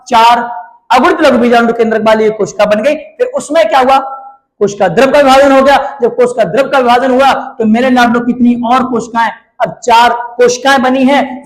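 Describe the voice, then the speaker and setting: High-voiced man teaching biology. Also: rough recording. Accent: Hindi. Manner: repetitive call-and-response questioning; affectionate, calls students little darlings. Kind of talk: classroom lecture.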